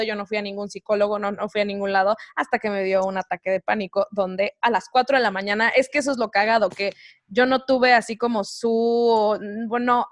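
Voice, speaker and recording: Slangy young Mexican woman, high voice. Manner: slangy, candid, animated storytelling. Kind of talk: casual chat.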